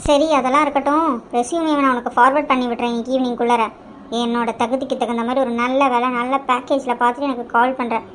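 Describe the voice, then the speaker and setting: A young woman with a bright, high voice reads all the parts of an animated story herself. She moves between sisters and friends who bicker and scold one another. A faint hiss sits under the recording. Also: quick pace. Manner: bickering, scolding family squabble. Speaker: voice artist for all characters. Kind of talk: cartoon dialogue voicing a whole cast.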